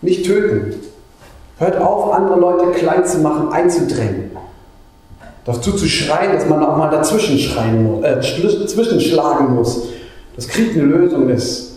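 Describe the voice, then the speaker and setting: A man preaching a sermon in a church, lively and conversational, with asides and little jokes. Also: fairly high pitch, a little slow. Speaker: pastor. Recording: very echoey church room.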